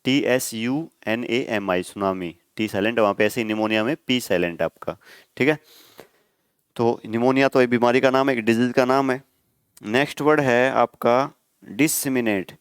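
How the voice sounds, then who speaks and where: A man's voice: mid-range voice, normal speed, smooth, no room sound. Male exam-prep tutor, clean and resonant, dry sound; answers his own questions, spells words out letter by letter. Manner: asks the class questions and answers them, with frequent "okay?" checks. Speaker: exam coaching teacher. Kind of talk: exam-prep vocabulary lesson.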